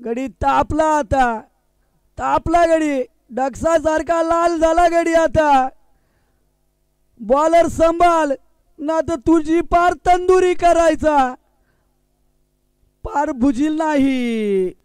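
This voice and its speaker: Male local cricket commentator, very high voice, dry close sound, playful teasing banter. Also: drawn-out words, long pauses, darkish tone, no room sound. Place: outdoor local cricket ground.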